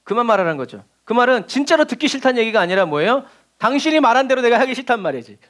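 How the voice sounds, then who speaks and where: A man preaching a Sunday sermon in a high voice that swings widely in pitch. He acts out the voices of the people he quotes and chuckles between points. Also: sing-song, racing, a bit bright. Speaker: pastor. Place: church sanctuary.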